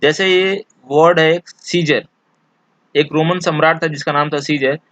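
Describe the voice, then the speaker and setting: A man teaching an exam-prep lesson, explaining slowly and repeating each point with many fillers. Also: a little high, fairly even intonation, fairly bright tone, no room sound, dull audio.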